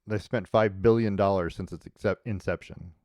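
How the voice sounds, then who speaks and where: A man's voice: low-pitched, fairly even intonation, moderate pace, a little mellow, no echo, clean studio sound. A man co-hosting a casual sports talk show, blunt and opinionated. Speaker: co-host.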